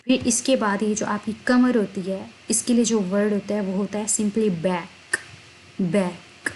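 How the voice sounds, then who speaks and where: A woman teaching vocabulary, explaining each word in Hindi and repeating it slowly twice. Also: medium pitch, steady tone, a little mellow, a little hiss or hum, rough recording. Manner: slow, drawn-out spelling of words, repeats each word twice. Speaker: English teacher.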